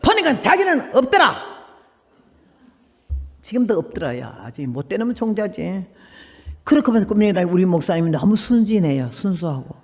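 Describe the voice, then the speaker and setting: A woman's voice: medium pitch, normal speed, pauses often. Elderly woman preaching in a reverberant hall. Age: 80s. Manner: animated, acts out the people in her story. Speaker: missionary preacher. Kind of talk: sermon with dramatic personal storytelling. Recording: long reverb of a church hall.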